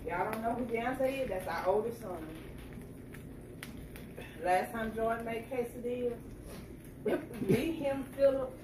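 A woman's voice: on the high side, measured pace, long pauses. A woman with a Southern US accent telling a family story as co-host in a home kitchen. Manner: lively storyteller. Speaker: co-host, the cook's wife. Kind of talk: casual chat. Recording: roomy, distant, noisy kitchen with frying.

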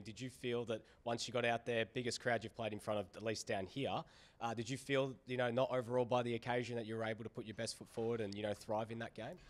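Male sports reporter, lowish voice, rapid, long rambling questions in a press room. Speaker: sports journalist.

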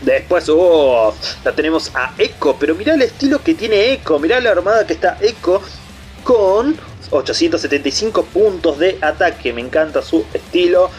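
A man with an Argentine Rioplatense accent talks through an unboxing in a rambling, enthusiastic way. His voice sits high and swoops up and down all the time. Soft music plays faintly behind him. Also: lively intonation, moderate pace. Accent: Argentine Rioplatense Spanish. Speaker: unboxing channel host. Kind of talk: casual unboxing commentary.

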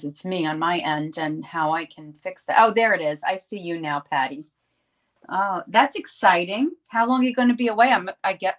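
Casting: middle-aged woman from New York, low-ish voice, chatty rambling live-stream host. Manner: chatty, rambling, greets viewers by name. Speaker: livestream craft host. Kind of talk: casual live-stream chat.

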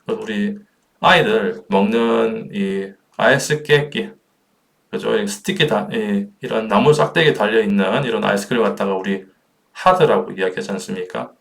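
A man's voice: fairly low pitch, moderate pace, vocal fry. A middle-aged man teaching a beginner English lesson, patiently drilling words and asking listeners to repeat after him.

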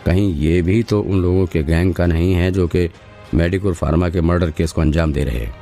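Very deep, dark-voiced male narrator. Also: moderate pace, vocal fry, faint music behind. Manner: steady, storytelling. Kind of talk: scripted audio story narration.

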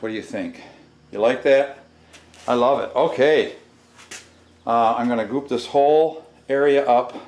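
In an indoor garage workshop, a middle-aged DIY host narrates a hands-on build, thinking aloud in a folksy, self-deprecating way as he half mutters to himself and the viewer. His mid-range voice has a darkish tone, and the echoey space rattles with clattering tools.

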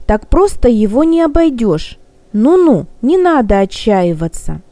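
A gallant, gentle old gnome from a storybook, comforting and courtly in manner, read by a woman. The voice is fairly high and mellow, with a dry, close sound. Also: sing-song, unhurried, dry recording. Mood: soothing. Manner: gallant, soothing.

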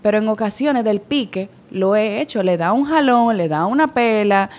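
A woman's voice: medium pitch, moderate pace. Candid, chatty woman. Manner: candid, animated storytelling with lively quoted voices. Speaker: podcast guest. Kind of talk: casual chat.

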